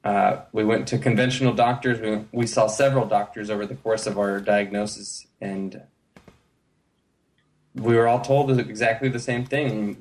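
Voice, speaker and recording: A man in his thirties from the United States, a guest telling his own story in a casual interview, relaxed, with many fillers. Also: on the low side.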